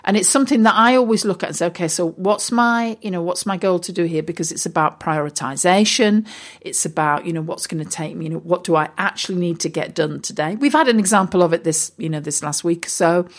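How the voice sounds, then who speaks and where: A woman's voice: lowish voice, fast talker. A woman talking casually as a business coach and host, chatty with many fillers and restarts. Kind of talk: casual solo talk.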